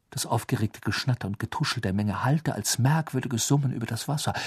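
A man reading a novel aloud as an audiobook narrator, telling the story in a lively way and voicing the characters' quotes. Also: a little high, husky, no echo, studio quality.

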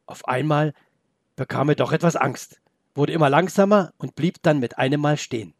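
A man narrating a children's story aloud in a gentle, expressive way. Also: fairly high pitch, moderate pace, dry recording, studio quality.

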